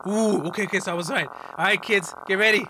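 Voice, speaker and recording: A fast-talking man in his twenties hosts a reaction video from his small bedroom, reading captions into a nearby desk mic with headphones on and throwing in slangy exclamations. His voice sits high and steady, with a noisy background.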